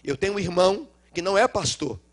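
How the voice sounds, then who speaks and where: A middle-aged male pastor with a Minas Gerais accent, preaching a sermon and acting out the dialogue of a story, swinging between loud cries and low murmurs. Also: lively intonation, fast. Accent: Brazilian Portuguese, Minas Gerais. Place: church.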